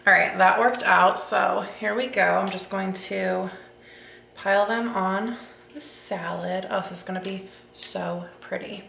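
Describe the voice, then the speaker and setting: A woman's voice: mid-range voice, steady tone, measured pace, vocal fry, a bit bright, reverberant, a little hiss or hum. A young woman in her twenties chatting casually to the camera in her kitchen while making food, bubbly and full of "you guys" and "like". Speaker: vlogger. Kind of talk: casual vlog chat. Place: home kitchen. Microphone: camera mic, then phone.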